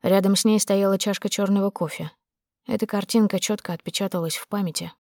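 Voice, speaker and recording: Woman audiobook narrator, restrained even reading, mid pitch, dry close sound. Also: a little fast, dry recording. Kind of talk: scripted first-person narration.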